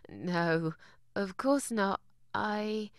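A woman's voice: medium pitch, unhurried, breathy edge, no room sound, clean studio sound. An actress voicing a weary, withdrawn middle-aged woman in a video game, speaking in a hesitant, sullen and grudging way. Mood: awkward.

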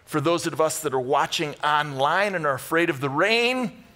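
A slightly high, sharp voice at a moderate pace belongs to a middle-aged American man preaching to his congregation. Standing on an indoor church stage, the pastor gives a live sermon with Bible teaching in punchy, conversational bursts and repeated emphasis.

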